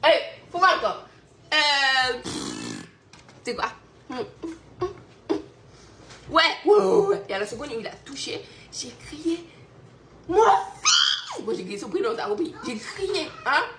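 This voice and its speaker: A woman's voice: high-pitched, wildly swooping pitch, unhurried, vocal fry, bright, forceful tone, a little hiss or hum. A young woman from Guadeloupe, a mother animatedly telling a friend a story over a phone video call, laughing often and checking "you see?". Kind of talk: casual storytelling chat. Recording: roomy echo in a home room.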